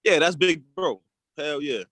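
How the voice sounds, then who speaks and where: A man's voice: on the high side, a little slow, fairly bright tone, dry recording. A young man from Puerto Rico, a rap artist, telling his story in a laid-back, slangy way as an interview guest. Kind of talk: casual interview talk.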